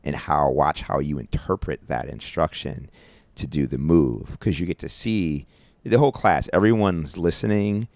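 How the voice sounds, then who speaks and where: A man's voice: very deep voice, normal speed, darkish tone, no echo. A man co-hosting a relationship podcast, talking casually in a rambling, affectionate way and laughing often, in a radio studio. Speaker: podcast co-host. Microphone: studio mic.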